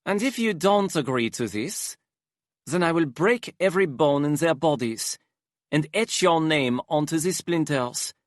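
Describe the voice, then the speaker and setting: A man's voice: fairly high pitch, animated, a little slow, no echo, studio quality, pitched above the performer's own voice. A man voicing a flamboyant, menacing young man who speaks in a sing-song, theatrical drawl and drops French endearments. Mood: threatening.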